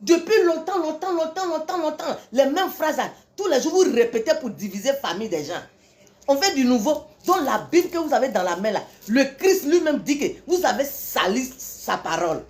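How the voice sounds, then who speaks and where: Woman, fervent self-styled preacher, scolding and repetitive, slightly high pitch. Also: very animated, moderate pace. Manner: scolding, repetitive, rhetorical questions, frequent "hein". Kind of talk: impassioned religious tirade.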